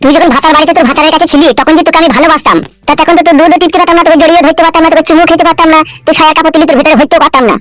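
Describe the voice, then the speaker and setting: A woman voicing a poor, crude village husband in a cartoon, speaking in a with rapid, defensive scolding. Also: extremely high pitch, fairly even intonation, dry recording. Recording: faint background music.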